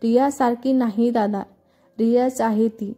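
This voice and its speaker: A woman's voice: a little high, fairly even intonation, measured pace, husky, faint music behind. A woman voicing a worried younger sister who urges her brother, in a storybook reading. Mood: urgent. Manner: urgent, gentle.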